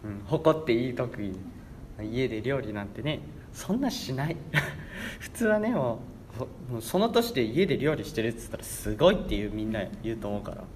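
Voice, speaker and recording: A man's voice: mid-range voice, very animated, brisk, darkish tone, slight background noise. A young man around eighteen hosting a casual radio chat in a rambling, stumbling way, often repeating himself. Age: young adult, about 18. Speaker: radio show host.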